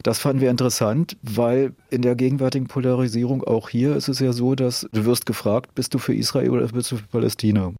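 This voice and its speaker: A man's voice: medium pitch, little pitch movement, fast, vocal fry, hardly any pauses, warm tone, no echo, studio quality. A man, a festival program director, explaining things conversationally in an interview. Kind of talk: interview statement.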